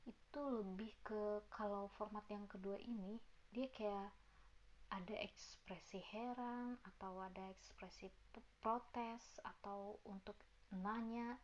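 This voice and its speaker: A woman giving a casual online language lesson, chatting with viewers and repeating example words slowly and carefully. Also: medium pitch, a little hiss or hum. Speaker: language teacher. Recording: dull lo-fi sound.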